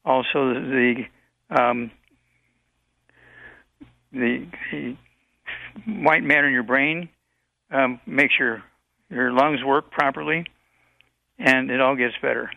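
Man, 80s, radio health expert, rambling, gravelly, tinny phone-line sound. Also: medium pitch, no echo. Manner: rambling, halting with many fillers. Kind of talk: call-in radio advice.

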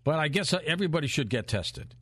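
A man's voice: on the high side, animated, quick pace, a bit bright, breathy edge, no echo. A man hosting a radio call-in talk show, asking casual, chatty questions from the studio.

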